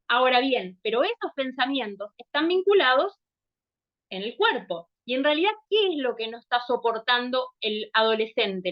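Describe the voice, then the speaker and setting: A woman in her fifties with a Rioplatense accent and a high, bright-sitting voice talks to camera in an earnest vlog. She explains step by step, poses rhetorical questions and often stops to restart a phrase. The recording sounds dull and muffled. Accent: Rioplatense Spanish. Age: 50s. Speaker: holistic wellness speaker.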